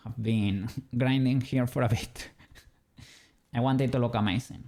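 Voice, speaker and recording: This Spanish-accented 3D rigger from Spain talks in a dark, mid-range voice, a bit slowly and with fairly even intonation. He muses aloud and laughs lightly, chatting with stream viewers as he animates.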